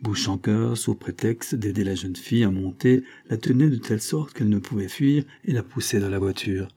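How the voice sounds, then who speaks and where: A man reading a novel aloud in a measured, dramatic storytelling manner. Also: fairly low pitch, mellow, husky. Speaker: audiobook reader. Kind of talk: audiobook narration.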